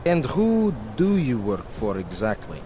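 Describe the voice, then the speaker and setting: An actor playing a corrupt, officious checkpoint policeman in a video game, with a deadpan, threatening manner. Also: medium pitch, measured pace. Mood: stern, officious. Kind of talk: video game character dialogue. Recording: noisy outdoor urban street with vehicles.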